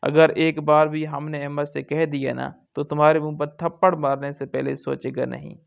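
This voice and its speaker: A man voicing spiteful, bossy sisters-in-law, in a gravelly voice. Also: a little high, level tone. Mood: scolding.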